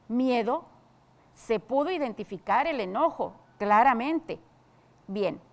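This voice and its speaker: A woman teacher giving a televised secondary school lesson. Her voice is somewhat high for a woman, and she explains step by step, stopping now and then with small "eh" pauses.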